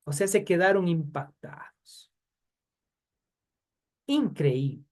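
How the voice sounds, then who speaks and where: A man's voice: fairly high pitch, lively intonation, slow. A man teaching a Bible study class in a conversational way, asking his students questions and addressing them by name.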